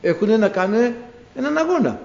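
Male preacher, high voice, swooping lively delivery, acts out scenes; echoey, dull lo-fi recording. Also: creaky. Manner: animated storytelling, acting out biblical scenes. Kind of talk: sermon. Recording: echoey room, dull lo-fi sound.

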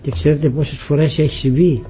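An older man preaching a sermon, animated and emphatic, acting out little dialogues and rising to loud exclamations. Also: on the high side, slight background noise, low-quality recording.

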